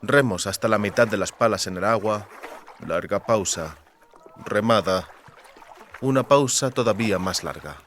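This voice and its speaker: A man narrates scripted literary fantasy fiction as an audiobook reader, using a fairly low, slightly bright voice at normal speed. Lapping water and the sounds of a rowing boat are clearly heard behind him, adding slight background noise.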